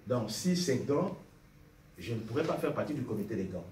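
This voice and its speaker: Speaking up from the floor of a political meeting, a male party member delivers an earnest, argumentative impromptu speech in a mid-range, slightly mellow voice that is very animated at a normal pace. The indoor meeting room sounds roomy and noisy, picked up by a distant mic.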